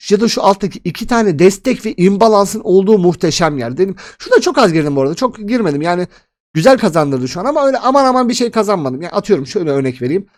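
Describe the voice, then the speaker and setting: A man hosting a casual crypto chart analysis, chatty and excitable, talking straight to his viewers. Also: high voice. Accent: Turkish. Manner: excitable, chatty, addresses viewers as friends and 'abi'.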